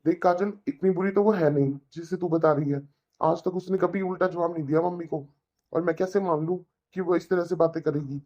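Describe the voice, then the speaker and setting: A performer voicing an elder brother in a cartoon, calmly scolding and lecturing with a Hindi accent. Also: medium pitch, a little fast, dull audio, close to an everyday voice. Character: reasonable elder brother, young married man. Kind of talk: cartoon voice acting.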